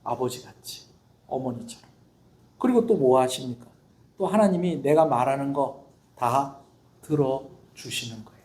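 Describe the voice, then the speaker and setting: A middle-aged man preaching a sermon as a pastor, lively, swinging between loud bursts and hushed asides. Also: medium pitch, normal speed, pauses often. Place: church. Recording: echoey church hall.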